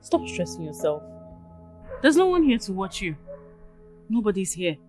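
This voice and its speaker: A woman's voice: mid-range voice, sing-song, moderate pace, dark tone, faint music behind, close to an everyday voice. A young woman, playing a defiant student who brushes others off with cool sarcasm. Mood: dismissive.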